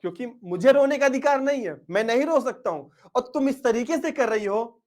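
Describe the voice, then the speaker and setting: A man's voice: very high voice, animated, fairly quick, darkish tone. A man acting out a young lover who tenderly begs his beloved not to cry at their parting. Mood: tender pleading. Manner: tender, pleading, earnest.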